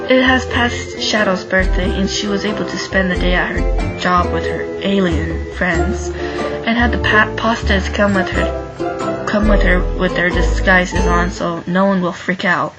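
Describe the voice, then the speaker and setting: A woman's voice: medium pitch, rough recording. A young woman casually reading her own first-person fan story aloud, chatty, with asides to listeners and many restarts. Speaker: fan fiction reader. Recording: music clearly behind the voice.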